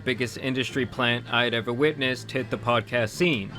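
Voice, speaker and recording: A man's voice: mid-range voice, steady tone, moderate pace, bright, forceful tone. A man narrating scripted commentary for a video essay, with a snarky, crude sense of humour. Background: faint music.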